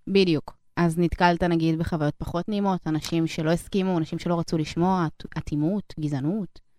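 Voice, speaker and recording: Low-pitched young Israeli woman interviewer. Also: fairly even intonation, mellow, no echo, clean studio sound. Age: young adult. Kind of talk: casual conversational interview.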